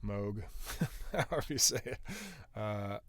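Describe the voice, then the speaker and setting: A man's voice: on the low side, steady tone, a little slow. A man casually walking through how he produced a song, rambling with lots of filler words and restarts. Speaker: music producer.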